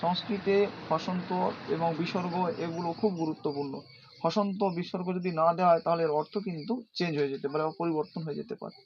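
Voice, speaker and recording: A male teacher giving a recorded lesson, explaining slowly, asking and answering his own questions, and reciting word forms one by one with careful pronunciation. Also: a little high, steady tone, a little hiss or hum. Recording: dull lo-fi recording.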